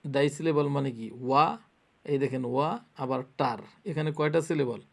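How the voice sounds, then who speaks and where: A man's voice: medium pitch, moderate pace, vocal fry. A man with a Bangladeshi Bengali accent teaching an English grammar lesson. He asks questions and answers them himself, and repeats the key points. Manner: colloquial and repetitive.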